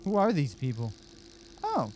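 A man's voice: a little high, wildly swooping pitch, measured pace, noisy background. A young man giving casual gameplay commentary on a headset, reacting aloud with mild exclamations. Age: young adult. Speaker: let's play host.

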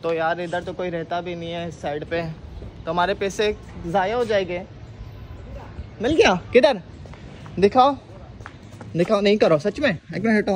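A man vlogs outdoors on a rooftop, excited and playful, tossing out quick short calls. It's a noisy phone recording with traffic and street sounds behind him. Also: high voice. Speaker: vlogger. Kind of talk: casual vlog chat.

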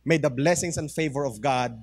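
A man with a Filipino accent, preaching a sermon as a pastor and telling an illustrative story in an animated way. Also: on the high side, moderate pace, heavy background noise. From Philippines. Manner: animated storytelling mixed with English.

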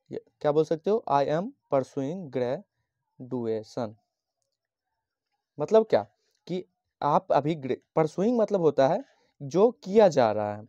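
A man from Bihar, a teacher of the tutor type, explains a handwritten English lesson in Hindi while writing on a notebook page at a desk. His mellow voice is on the high side; he's slow and patient, repeating each phrase and dictating English lines. The sound is dry, dull and lo-fi, with no echo.

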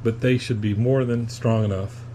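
A man explaining a woodworking project in a casual, unhurried how-to manner, with fillers as he goes, recorded in a home shop. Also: medium pitch, fairly even intonation, mellow, a little hiss or hum. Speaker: woodworking hobbyist.

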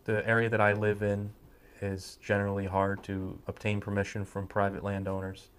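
Brief: low, monotone detectorist man, halting, faint guitar bed. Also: slight background noise. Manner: enthusiastic, halting repetitions. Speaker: metal detectorist. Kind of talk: documentary interview. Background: soft guitar music.

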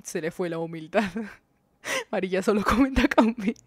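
A woman's voice: mid-range voice, lively intonation, normal speed, no room sound. A young woman, streaming a dating game, reading its dialogue aloud and joking with her chat. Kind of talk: live game commentary.

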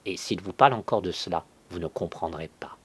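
Brief: a man reading a composed doctor-hypnotist, low and hushed, husky audiobook voice. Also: fairly quick. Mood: commanding. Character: calm, assured male doctor and hypnotist.

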